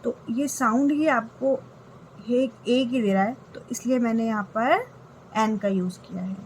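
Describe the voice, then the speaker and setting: A woman's voice: fairly high pitch, measured pace, a little hiss or hum, low-quality recording. A woman English teacher giving a grammar lesson, explaining step by step and often checking in with her students.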